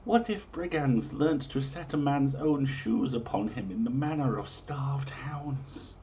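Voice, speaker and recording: With slight background noise behind him, a man with a warm, medium-pitched voice takes his time on a livestream. He reads a comic dramatically in mock-medieval English, then relaxes into casual talk.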